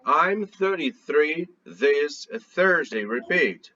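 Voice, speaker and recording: A man teaching English pronunciation, slowly modeling phrases for a student to repeat and praising her. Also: fairly high pitch, expressive, sharp tone, highs cut off, a little hiss or hum. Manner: slow, clearly articulated modeling with praise. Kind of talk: drilling pronunciation, repeat-after-me.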